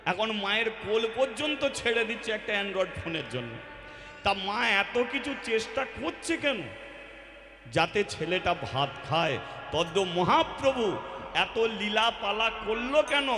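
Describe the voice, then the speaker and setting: A man's voice: high voice, expressive, unhurried. A man with a Bengali accent gives a devotional sermon, asking his listeners rhetorical questions, then leads a call-and-response chant. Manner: preaches with rhetorical questions and acts out homely examples. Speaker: kirtan singer and preacher. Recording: roomy live hall with loud music.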